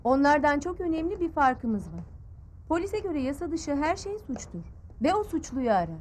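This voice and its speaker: A calm earnest journalist. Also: female voice, sits high, normal speed, slight background noise. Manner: calm, explanatory. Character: thoughtful woman journalist.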